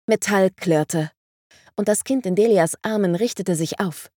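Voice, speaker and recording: A woman narrating audiobook samples in a measured, expressive reading. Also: mid-range voice, dry recording, studio quality.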